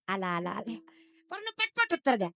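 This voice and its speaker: Her fairly high pitch swoops wildly as she talks a little fast, her tone creaky, bright and forceful. The young kirtan preacher is on stage at a devotional gathering giving a comic sermon, teasing the crowd, quizzing them and slipping in English phrases.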